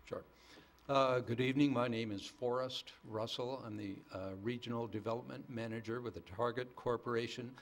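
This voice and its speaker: Older-ish american guy presenting at a town meeting, average pitch, measured, stops and starts, friendly. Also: steady tone, a little hiss or hum. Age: middle-aged or older. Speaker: corporate development manager, petitioner. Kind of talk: presentation to a public board.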